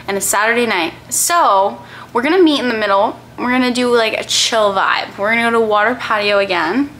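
A woman in her twenties chatting to a phone camera at arm's length in a hotel room, upbeat and quick with recommendations. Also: a little high, a bit bright, a little hiss or hum. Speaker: travel vlogger. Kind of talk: casual vlog chat to camera.

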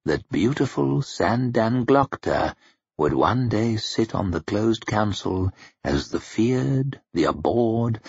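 A man's voice: lowish voice, vocal fry, husky, no echo, dull audio, full character voice. A man voicing a toothless, crippled old man, a sardonic inquisitor who talks in a wry, self-mocking way.

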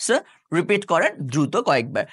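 A man teaching English pronunciation to camera, demonstrating sounds slowly and repeating them for emphasis. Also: on the high side, sing-song, a bit bright, slightly rough.

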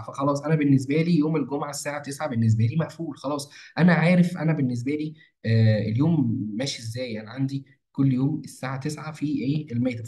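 A young man with an Egyptian Arabic accent talks at a very fast clip in an ordinary mid-range voice. He explains a planning routine step by step like a mentor, piling up fillers, false starts and repeated phrases. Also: medium pitch, mellow. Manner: rapid, repetitive, with many false starts and stretched fillers. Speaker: marketing mentor. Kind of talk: casual screen-share tutorial.

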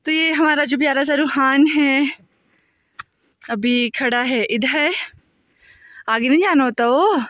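A woman's voice: sits high, slow pace, pauses often, fairly bright tone, no room sound, clean studio sound. Tired-voiced woman vlogging outdoors. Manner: chatty, coaxing a small child, shooing monkeys. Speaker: family vlogger. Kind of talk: casual vlog chat with a child. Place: outdoors at a hillside home among trees.

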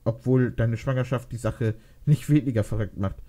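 A man voicing a thoughtful, caring pregnant teenage girl in a read-aloud fan fiction story, with a gentle, hesitant delivery. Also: mid-range voice, moderate pace, natural voice. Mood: gentle, kind.

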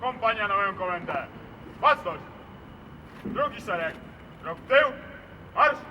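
A man commanding an honour guard, barking military orders like a drill sergeant with drawn-out calls. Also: high voice, expressive, muffled recording. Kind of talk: shouted military commands for a rifle salute. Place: outdoor ceremony on a city square. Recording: outdoors with very loud background noise.

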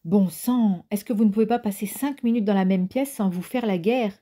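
A woman's voice: mid-range voice, moderate pace, warm tone, pitched above the performer's own voice, natural voice. Woman doing a weary, slurring drunk mother. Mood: exasperated. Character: tired, drunk mother with a headache. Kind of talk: audiobook character reading.

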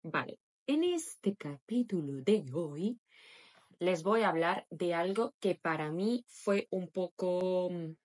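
A young woman from Latin America, chatting casually to her followers in a vlog and acting out quoted voices with lively expression. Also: fairly low pitch, slow. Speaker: vlogger.

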